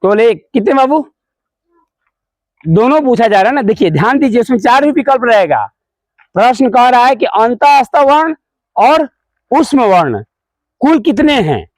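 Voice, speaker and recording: A male teacher with a strikingly high voice leads a morning assembly. He drills the children in call-and-response, repeating each word and posing questions he answers himself. The sound is close and dry, with no room echo. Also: big pitch swings, moderate pace, pauses often. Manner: repeats key words, calls pupils "babu"; mixes English words into Hindi explanation. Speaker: school teacher. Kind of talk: leading a morning school assembly lesson.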